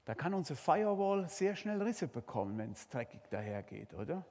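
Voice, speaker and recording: A man's voice: on the high side, sing-song, moderate pace, mellow, big-room sound. A male preacher giving a dramatic sermon, talking straight to his listeners with rhetorical questions.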